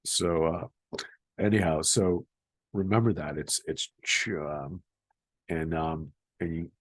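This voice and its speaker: A man from the Boston area with an American accent, talking casually and haltingly to camera as he explains something. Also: low-pitched, a little mellow, slightly rough, no room sound. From Boston area, United States. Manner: halting, repeats words, chuckling. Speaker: vlogger explaining regional accent.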